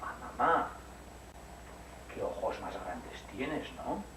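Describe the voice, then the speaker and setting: A man voicing a small girl in a storybook, speaking higher and slowly questioning. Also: big pitch swings. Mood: wary. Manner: raised pitch, slow questioning. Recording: roomy room, distant mic, noisy.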